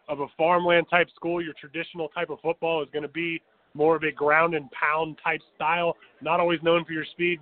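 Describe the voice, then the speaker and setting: A male color commentator analyses the game in a fairly high voice. His commentary is tactical and explanatory, carried over a thin, narrow radio-like feed. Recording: thin radio-like broadcast sound.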